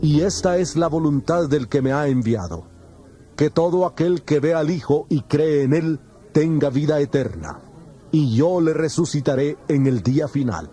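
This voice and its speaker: A man playing Jesus as a solemn teacher, speaking in a measured, declamatory way in a dramatized scripture reading, with music behind him. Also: a little high, lively intonation, warm tone, close to an everyday voice. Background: background music.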